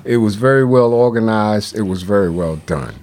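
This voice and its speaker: A man talks as a radio guest. He rambles, stumbles over restarts and fillers, then jumps into animated emphasis. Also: fairly low pitch, moderate pace. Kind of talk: casual radio talk.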